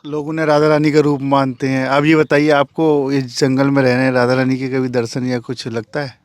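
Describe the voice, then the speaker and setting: A man's voice: mid-range voice, level tone, moderate pace, no echo. A man hosting a devotional vlog, asking questions and answering with brief respectful affirmations. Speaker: vlogger interviewer.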